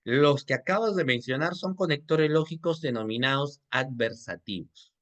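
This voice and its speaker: A man's voice: a little high, animated, moderate pace, a bit bright, dull audio. A man teaching a class, and his voice rises and falls a lot. He keeps asking his listeners questions and repeating them. He talks to them in a friendly, coaxing way. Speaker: law instructor. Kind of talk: online class lecture.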